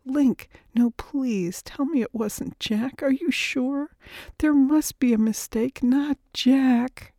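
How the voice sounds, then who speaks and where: A woman voicing a distraught woman who has just heard her husband is dead, speaking in shrill, high-pitched panic. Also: slow pace, dark tone, dry recording, clean studio sound, full character voice. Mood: pleading.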